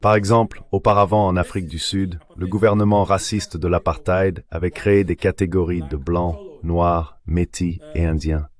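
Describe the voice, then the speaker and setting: A man's voice: low-pitched, fairly even intonation, moderate pace, hardly any pauses. A man from Nigeria, a professor answering interview questions, explaining at length in a lecturing way and building his points with examples. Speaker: professor and guest. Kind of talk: interview answer in a dubbed translation.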